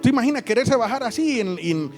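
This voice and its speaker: A man with a Honduran accent preaching a lively sermon, acting out voices and joking with the congregation. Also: very high-pitched, fairly quick, soft background music. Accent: Honduran Spanish. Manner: animated storytelling, acts out voices and jokes. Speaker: pastor. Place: church hall.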